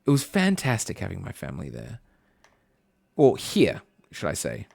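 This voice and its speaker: A chatty man chatting with his stream audience, his low voice rising and falling a lot. The sound is close and dry, with no room around it. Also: huge pitch swings, normal speed, gravelly, darkish tone, breathy edge, no room sound. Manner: chatty, reads chat messages aloud, frequent fillers. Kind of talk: casual chat with viewers.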